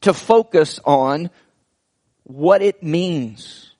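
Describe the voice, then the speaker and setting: The pastor's sermon comes in a voice on the high side. He delivers it at a slow, deliberate pace, with earnest pauses and gentle drops as he prays.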